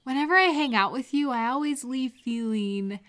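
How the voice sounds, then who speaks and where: A high-voiced woman takes on the role of a kind, supportive friend in a cozy, casual audio roleplay. She reassures the listener without rushing, sounding warm and sincere.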